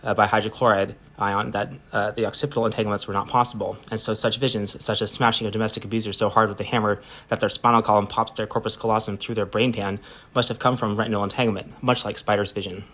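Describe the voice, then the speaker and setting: A man's voice: lowish voice, flat delivery, fast, fairly bright tone. A man reading aloud and playing a rambling, boastful, eccentric stoner who halts on fillers.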